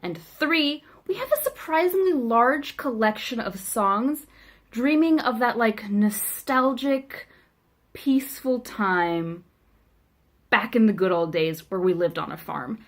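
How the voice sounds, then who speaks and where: In a slow-paced, slightly high voice with lively intonation, a wry young woman from South Africa talks through a casual video letter to a friend. She's a vlogger and native Afrikaans speaker who chats freely, pokes fun at herself, and says "um" a lot.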